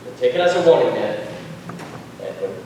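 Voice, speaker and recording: A man playing a brooding, tormented young uncle in formal, halting theatrical stage acting. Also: mid-range voice, animated, mellow, a little hiss or hum, close to an everyday voice. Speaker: actor in a stage musical. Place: school theatre stage, audience recording. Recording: echoey hall from far off.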